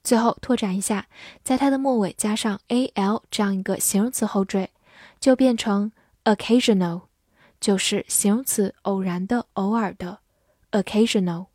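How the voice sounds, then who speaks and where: A woman giving a scripted vocabulary lesson, spelling each word letter by letter and reading example sentences slowly. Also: medium pitch, darkish tone, no echo, studio quality. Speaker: English vocabulary teacher.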